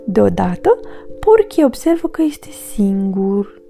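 Gravelly woman reading a children's story. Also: mid-range voice, soft background music. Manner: expressive, gentle.

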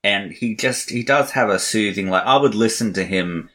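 During a podcast recording, a male co-host delivers casual, opinionated film chat that meanders and leans on fillers. He speaks at normal speed with a fairly low pitch and a sharp tone.

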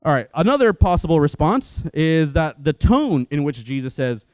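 A young adult man giving a lecture-style talk in a lively, conversational way, often checking in with his listeners. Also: a little high, normal speed, clear, resonant tone, dry recording. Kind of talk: lecture to an audience.

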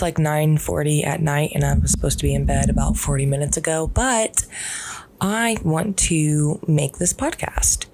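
Low-voiced woman chatting slowly. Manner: relaxed, rambling, with fillers. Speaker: podcast host. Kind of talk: casual solo podcast chat. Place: in bed at home at night. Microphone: podcast microphone.

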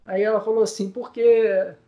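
A man telling a live interview his stories, tearful and choked up, repeating words and filling pauses as his voice breaks. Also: high voice. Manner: many fillers, repeats words. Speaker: guest, community news group founder. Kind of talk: emotional storytelling in interview.

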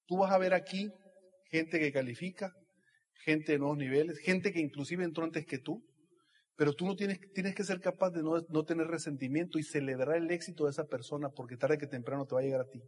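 Un hombre de mediana edad con acento mexicano da un discurso motivacional enfático en una convención, hablándole directo al público. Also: male voice, a little high, fairly quick, a little mellow. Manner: emphatic, addresses listener directly. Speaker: motivational speaker. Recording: husky voice in reverberant hall.

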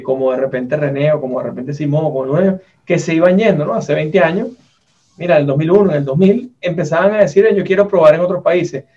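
A Venezuelan-accented man in his forties, an interviewer and entrepreneur, tells stories in a relaxed, colloquial way, often tacking on tag questions. His voice is slightly high and somewhat mellow. The recording sounds muffled and far from the mic.

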